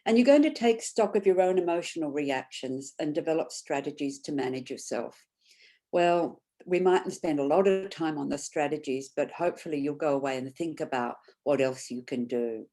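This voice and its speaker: A woman facilitator presenting an online workshop in a conversational way, pausing often with ums and restarting phrases. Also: sits low, dark tone. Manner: thoughtful, frequent ums and restarts. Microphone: video call.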